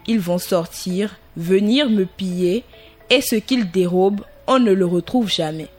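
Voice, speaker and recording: A woman's voice: medium pitch, unhurried, faint music behind, natural voice. A woman voicing a male bear who earnestly explains why he must guard his treasure, in a fairy-tale reading.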